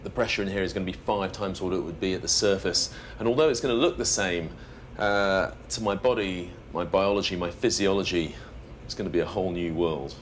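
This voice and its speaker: Low-voiced man explaining a chamber. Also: brisk, slight background noise. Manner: relaxed, with fillers. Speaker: presenter. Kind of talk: casual on-camera explanation.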